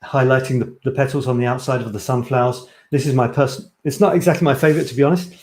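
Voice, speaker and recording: A man's voice: mid-range voice, fairly even intonation, quick pace, a little mellow. Enthusiastic Scottish-born man in a roomy echo. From Scotland. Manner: enthusiastic, chatty, self-correcting. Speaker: photography coach. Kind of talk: live-streamed course presentation.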